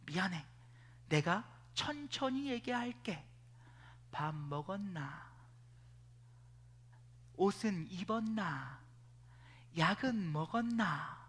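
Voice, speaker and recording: Pastor putting on a hushed Gyeongsang guy, slow, gentle, bright tone. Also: sits high, lively intonation, breathy edge, exaggerated voice. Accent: Gyeongsang Korean. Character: blunt young man from Gyeongsang, softening up.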